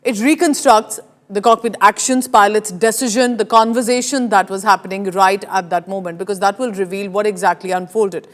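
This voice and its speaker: A woman news anchor with an Indian accent presents live news emphatically, laying out each point in an explanatory way. Her mid-pitched voice is steady and brisk, with hardly any pauses.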